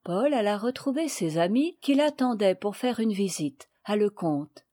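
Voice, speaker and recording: A woman reading a children's novel aloud, with clear, expressive narration. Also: mid-range voice, a little slow. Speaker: audiobook reader. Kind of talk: storybook reading.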